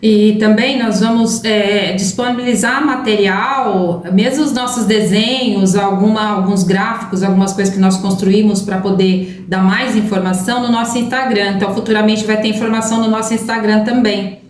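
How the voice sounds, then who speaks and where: A woman co-hosting a spiritual talk, explaining gently and often adding "né?" tags. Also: mid-range voice, steady tone, normal speed, hardly any pauses. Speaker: spiritual channel co-host. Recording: roomy with faint background hiss.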